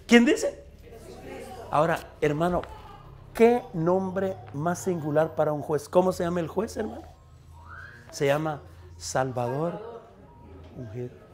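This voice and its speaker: Man, Guatemalan accent, pastor, sermon, high-pitched, animated delivery. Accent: Guatemalan Spanish. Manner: animated preaching, swinging between hushed and emphatic lines. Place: church service recorded live.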